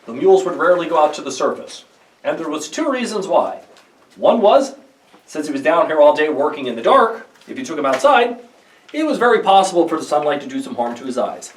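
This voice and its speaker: Lively, high-voiced man guiding a mine tour. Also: recorded from a distance. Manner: lively, plain step-by-step explaining with gentle jokes. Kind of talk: guided tour explanation. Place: underground coal mine tunnel. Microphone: visitor's handheld camera from a few steps away. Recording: echoey mine tunnel, voice from off-mic.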